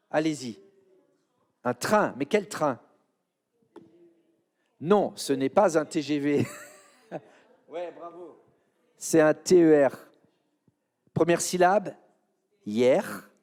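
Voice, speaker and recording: A man's voice: a little high, animated, slow, pauses often, darkish tone. A man with a French accent presenting a church children's show, playfully coaxing answers from the audience in a quiz. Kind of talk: leading an interactive quiz with an audience.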